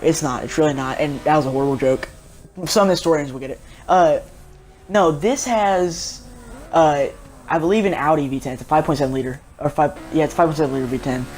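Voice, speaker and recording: A young man, chatting casually and jokily as he reviews a racing game car for his viewers. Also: a little high. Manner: rambling, jokey, chatty, talks straight to viewers. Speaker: gaming video host.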